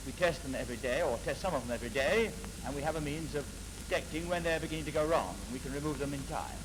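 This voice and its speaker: Quick British man on an old newsreel. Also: fairly high pitch, lively intonation. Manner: matter-of-fact, explanatory. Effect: old newsreel sound. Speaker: office computer manager. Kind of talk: newsreel interview answers. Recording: hissy 1950s newsreel soundtrack.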